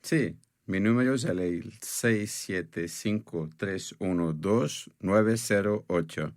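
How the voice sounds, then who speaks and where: Young student, textbook audio, very deep, unhurried. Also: male voice, slight background noise. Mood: plain. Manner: short, plain answers. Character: nineteen-year-old Brazilian male student. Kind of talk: scripted textbook audio dialogue.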